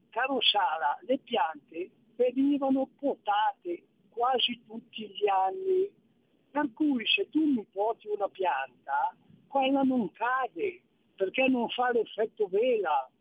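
Caller: man over a tinny phone line, gravelly and husky, indignant and lecturing. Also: very high voice. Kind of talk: call-in radio rant. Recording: narrow phone-line audio.

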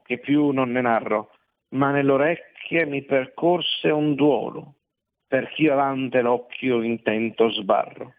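A man reciting classic verse in a measured, solemn way. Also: mid-range voice. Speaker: reader. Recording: tinny narrow-band dry recording.

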